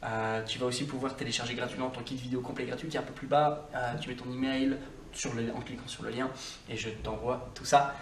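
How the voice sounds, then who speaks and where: A man hosting a casual video lesson as an English teacher, animated, saying English phrases slowly and loudly between explanations. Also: medium pitch. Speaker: English teacher and channel host. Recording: echoey room, voice a bit far from the mic, faint background noise.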